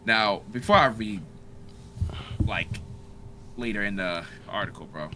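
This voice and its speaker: Bright-voiced man, slangy casual host. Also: fairly low pitch, measured pace, slight background noise. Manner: slangy, laughs often, reads an article aloud with stumbles. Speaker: podcast host. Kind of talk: casual chat.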